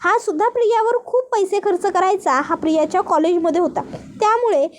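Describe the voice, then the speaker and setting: A woman's voice: very high-pitched, fairly quick, a little hiss or hum. A woman voicing a young married woman, a blunt and insistent sister-in-law, in an earnest, pleading reading voice.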